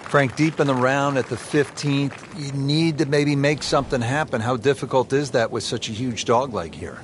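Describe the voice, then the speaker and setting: A golf commentator calls the play in a polished broadcast style, putting questions to his co-commentator. His medium-pitched voice moves at normal speed and sounds close to everyday speech. Clear outdoor ambience from the golf crowd fills the background.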